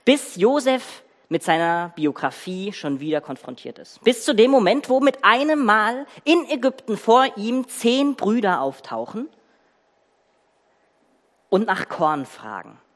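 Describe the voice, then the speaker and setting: Lively preacher in a reverberant hall. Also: mid-range voice, measured pace. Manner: lively, emphatic storytelling, addresses listeners directly. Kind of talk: sermon.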